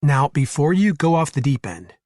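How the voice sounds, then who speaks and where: A man voicing a sharp-tongued, touchy young woman in an audiobook, indignant and quick to snap back. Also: a little high, sing-song, dry recording, clean studio sound, voice pushed up. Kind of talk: audiobook character voice.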